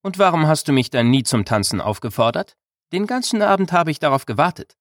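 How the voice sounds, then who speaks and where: A man's voice: fairly high pitch, sing-song, brisk, no room sound, voice pushed up. A bold, teasing young village girl, as a male narrator puts her on in a storybook reading. Her voice sits well above his own and turns from stern to coaxing. The sound is dry and close. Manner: strict then coaxing, raised voice.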